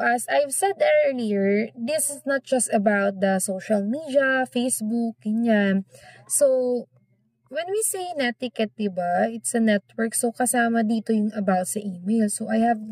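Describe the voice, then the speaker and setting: A young woman from the Philippines teaches an informal lesson conversationally, switching between English and Filipino and tacking on frequent tag questions. She has a Filipino accent, and her slightly high voice has a darkish tone with no echo.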